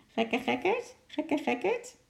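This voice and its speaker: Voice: very animated, slow, vocal fry, echoey room, full character voice. A reader voicing a cheeky male zoo parrot that screeches short repeated words in a storybook. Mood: squawking. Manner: shrill screeching repetition.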